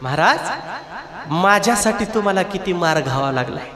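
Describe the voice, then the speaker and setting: A man's voice: high voice, expressive, moderate pace, crowd noise. A man voicing a weeping, remorseful female buffalo who begs forgiveness. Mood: sorry. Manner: apologetic, pleading. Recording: echoey hall with long reverb.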